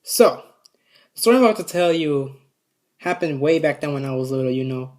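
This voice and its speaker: A vlogger telling a story to a camera in a casual, rambling way, swearing often and filling pauses with "you know" and "like". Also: mid-range voice, expressive. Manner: rambling, profane, many fillers. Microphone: camera set up in front of them.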